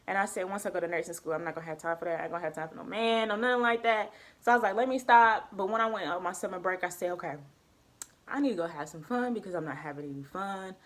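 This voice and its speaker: A young woman, telling a story in casual, slangy chat and acting out the people in it. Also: medium pitch. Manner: animated, acts out quoted voices, slangy. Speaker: vlogger.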